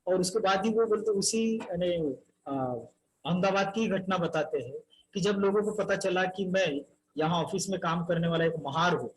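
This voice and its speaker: A man with a high-pitched voice leads a Buddhist Dharma talk. He tells a life story earnestly, speaking as if in the first person, and addresses the crowd as brothers and sisters. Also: poor audio. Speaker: Buddhist teacher.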